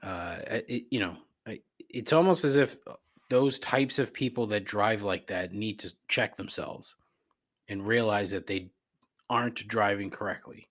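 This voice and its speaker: The host's voice is lowish and fairly bright, and he keeps a measured pace. On his podcast he responds to listener voicemails in loose solo commentary, full of conversational complaints and profanity.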